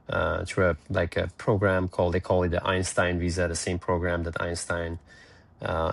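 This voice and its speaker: In a casual interview via remote call, an Iranian man who founded a startup shares his story as a podcast guest, his low voice showing vocal fry. He is blunt and plainspoken, leaning heavily on fillers.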